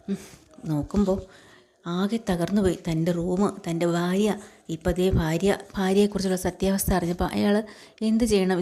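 A woman retells a TV serial episode in an easygoing, conversational way. Her voice sits a little low and sounds mellow and warm, and she drops the characters' lines into her telling as she goes. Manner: conversational narration, voicing characters' lines in passing. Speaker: storyteller.

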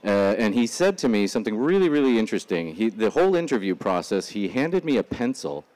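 Brief: man in his forties, casual and profane stage speaker, very low voice. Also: very animated, brisk, a little mellow. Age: 40s. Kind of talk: casual motivational talk. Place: stage before a live audience.

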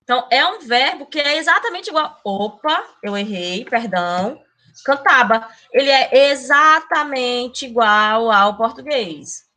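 Bright-voiced woman teaching an online class. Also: high-pitched, measured pace, few pauses. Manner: talks about herself as "a tia", teacherly and chatty; speeds up when excited about grammar. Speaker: Spanish teacher.

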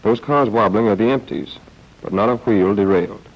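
The narrator is an American man whose lowish voice keeps a normal speed as he wryly, quietly underplays a scripted 1940s training film. It is a voice-over for film, captured on a dull, band-limited old soundtrack.

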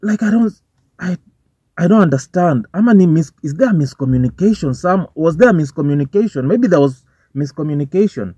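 A warm, breathy voice on the high side, lively in intonation and fairly quick, comes from a young Kenyan vlogger sitting in a parked car. Speaking with a Kenyan accent, he swears casually and blends English with Swahili slang. His dashboard phone or camera yields a dull, dry recording with no room sound.

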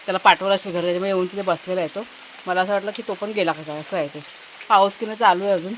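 A woman's voice: mid-range voice, fairly bright tone, slight background noise. A woman with a Marathi accent vlogging from her village home in casual chat and fussing over her dogs in doting baby talk. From Maharashtra, India. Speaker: family vlogger.

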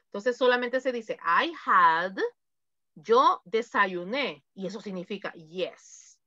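A woman's voice: medium pitch, lively intonation, pushed and bright, no echo, muffled recording. Woman, English teacher, patient explaining, dry close sound. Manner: patient, explains slowly, repeats examples. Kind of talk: online class instruction.

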